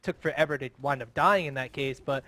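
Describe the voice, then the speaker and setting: A man casting a competitive online game, giving steady, analytical play-by-play commentary. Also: medium pitch, brisk. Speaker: esports caster.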